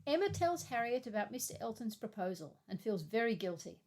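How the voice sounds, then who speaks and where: A woman co-hosting a literary discussion podcast, summarizing chapters in a brisk, matter-of-fact way. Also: a little high, sing-song. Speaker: podcast co-host.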